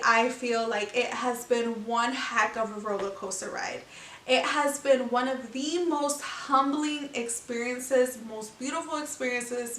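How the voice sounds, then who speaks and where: A young pregnant woman chatting casually to camera as a vlogger, telling stories in an animated way with laughs. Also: a little high. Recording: echoey room, mic at a distance.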